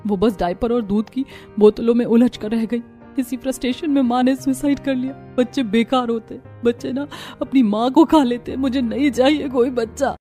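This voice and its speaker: एक महिला एक कार्टून कहानी में एक घमंडी, लापरवाह युवा माँ की आवाज़ दे रही है, तीखे और टालने वाले अंदाज़ में।. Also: female voice, on the high side, steady tone, normal speed, close to an everyday voice. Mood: bitter. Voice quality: sharp, dismissive. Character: arrogant young modern wife, careless mother. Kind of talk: Hindi cartoon voice acting. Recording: light music behind voice.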